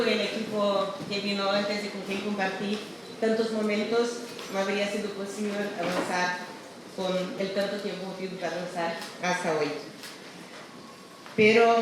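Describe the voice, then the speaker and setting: Echoey Brazilian woman speaking Portuguese-tinged Spanish. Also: mid-range voice. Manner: halting, with hesitations and self-corrections. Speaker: award recipient. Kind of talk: acceptance speech, semi-improvised. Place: large echoey room at a ceremony. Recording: distant, very echoey hall, background noise.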